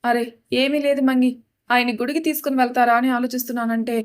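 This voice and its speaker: A woman's voice: a little high, steady tone, quick pace, lightly acted. A woman voicing a polite, put-upon young wife in an audio story. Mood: plain. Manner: soft, polite, pleading.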